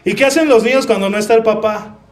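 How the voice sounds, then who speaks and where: A man's voice: sits high, fast talker. A young man preaching a sermon in a Mexican Spanish accent, earnest and personal, often asking the congregation questions.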